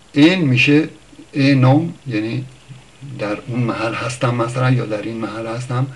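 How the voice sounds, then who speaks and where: A language teacher gives an informal spoken lesson on word origins, thinking aloud, pausing often and correcting himself. His voice is medium-pitched, and he lifts it when giving examples.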